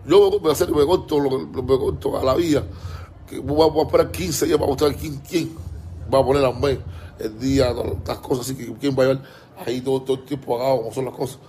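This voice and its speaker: A man's voice: mid-range voice, fairly even intonation, fast talker, dark tone, a little hiss or hum. A man with a Cuban Spanish accent, ranting in a heated, repetitive way, stumbling over his words and swearing often. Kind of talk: casual ranting monologue.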